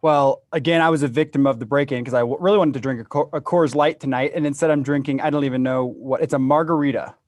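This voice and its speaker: A man's voice: mid-range voice, fairly even intonation, fast, hardly any pauses, a little mellow, no echo, studio quality. A man chatting casually and jokingly as a guest on a talk show. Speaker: guest, fiscal policy director.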